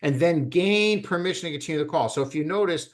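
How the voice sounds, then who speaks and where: A middle-aged man leading a live sales training session, talking in an animated way and acting out both sides of phone calls. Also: on the high side, quick pace.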